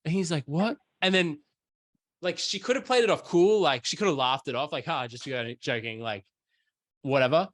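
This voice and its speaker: A man's voice: on the high side, moderate pace, no echo, clean studio sound. A young man, hosting a casual podcast chat and telling stories with acted-out quotes. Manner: animated storyteller, acts out quotes. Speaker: podcast host.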